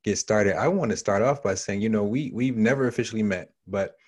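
Speaking fairly quickly in a lowish, slightly mellow voice, a man hosts a conversational podcast interview. His questions run long and wind around, with frequent restarts and repeated words.

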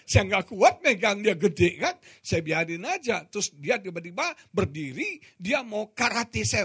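An older man, a pastor, preaching an animated sermon full of storytelling, often turning to address his congregation. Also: high voice, husky.

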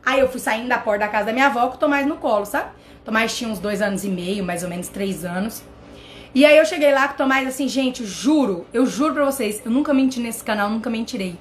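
A Brazilian woman with a Brazilian accent, hosting a channel and telling a personal story in an animated way, talking straight to her viewers. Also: a little high, fast, slight background noise. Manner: animated, addresses viewers directly. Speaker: channel host.

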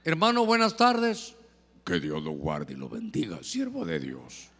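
A man voicing a mock-pious male churchgoer who greets people slowly and solemnly. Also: sits low, wildly swooping pitch, gravelly, bright, forceful tone, long reverb tail, voice pushed down, heavily acted. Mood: sanctimonious.

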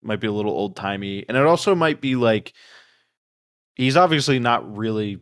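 A man's voice: lowish voice, animated, normal speed, a bit bright, clean tone, no echo, studio quality. A man co-hosting a podcast, casually retelling a short story with lots of fillers and restarts. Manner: rambling retelling with many fillers. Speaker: podcast co-host. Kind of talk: casual book discussion.

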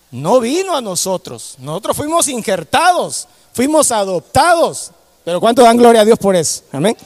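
A man's voice: very high-pitched, in a large hall. A man preaching a fervent sermon, repeating key phrases and calling the congregation 'brother'.

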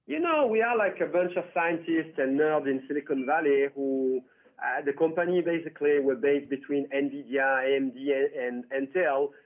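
A French tech company founder, a man with a French accent, chats through a casual interview as a guest, saying "you know" a lot. His voice sits on the high side at normal speed, heard over a tinny, phone-like line.

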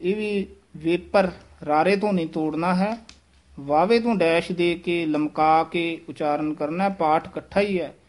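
A man teaching the correct pronunciation of recited verse, repeating each phrase slowly and carefully. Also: fairly high pitch. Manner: slow, careful, repeats each line syllable by syllable.

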